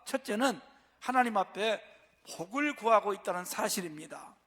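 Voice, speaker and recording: A man's voice: sits high, lively intonation, moderate pace, a bit bright. A man preaching a Sunday sermon as pastor, asking rhetorical questions and answering them himself. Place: church sanctuary. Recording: long church reverb.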